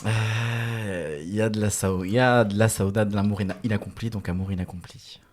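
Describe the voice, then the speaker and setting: A man's voice: lowish voice, fairly even intonation, fairly quick, a little hiss or hum. A man speaking as a guest on a casual podcast, thoughtful and laughing often.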